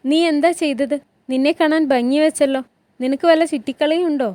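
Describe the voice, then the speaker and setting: Woman voicing a sly young sultana, teasing, probing, high voice, dry sound. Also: steady tone, a little fast, darkish tone, no echo, natural voice.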